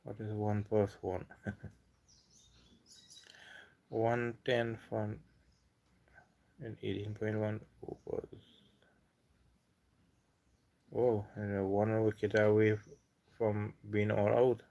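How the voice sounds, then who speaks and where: A man with a Trinidadian accent, from Trinidad and Tobago, hosting a casual livestream chat in a relaxed way and reading out viewers' comments. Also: fairly low pitch, takes it slowly, creaky, long pauses. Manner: relaxed, reads comments aloud. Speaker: livestream host.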